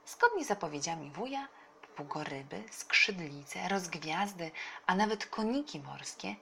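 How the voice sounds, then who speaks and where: A woman reading a children's story aloud in an expressive, animated narrating voice. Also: low-pitched, creaky, slight background noise.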